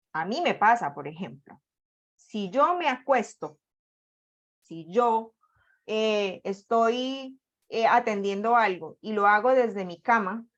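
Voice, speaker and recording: A Colombian woman with a Colombian accent leading an online workshop on job interviews, speaking with lively, deliberately varied intonation. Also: medium pitch, lo-fi sound. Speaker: workshop facilitator.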